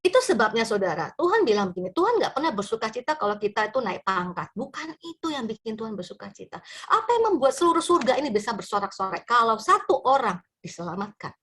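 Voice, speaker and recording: A woman's voice: fairly high pitch, big pitch swings, quick pace, a bit bright, husky. A woman pastor in her forties preaching over a phone camera on a video call, telling stories and often calling her listeners "saudara". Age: 40s. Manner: addresses listeners as "saudara", storytelling. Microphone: front phone camera.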